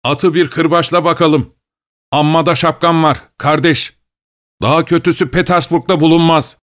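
A man's voice: a little high, fairly even intonation, normal speed, pitched above the performer's own voice, close to an everyday voice. A raised, trembling voice of a bossy young hunchback, put on by a male narrator. He jeers and hurries the driver along with mocking, impatient orders. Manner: shaky, mocking, impatient shouting. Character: jeering young hunchbacked man, shrill and bossy.

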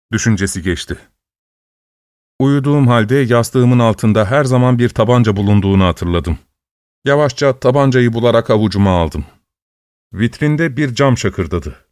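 A man narrating a story in a steady, measured reading voice. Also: medium pitch, no room sound, studio quality.

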